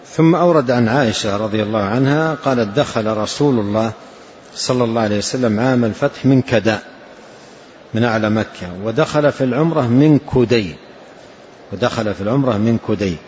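A man teaching a religious lesson, explaining hadith in a measured way and repeating key phrases as he goes. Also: mid-range voice, darkish tone, lo-fi sound, a little hiss or hum.

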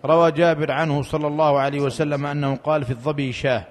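A man reading a classical legal text aloud in a steady, formal way for a teacher. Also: on the high side, quick pace. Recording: long reverb of a hall.

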